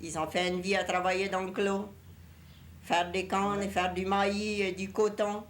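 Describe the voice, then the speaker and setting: A woman's voice: medium pitch, little pitch movement, measured pace. An older woman from Louisiana with a Cajun French accent, chatting about family memories in plain, repetitive phrases. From Louisiana, USA. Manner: plain, repetitive phrasing with occasional English words. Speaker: interviewee recalling family life. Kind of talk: casual oral-history conversation.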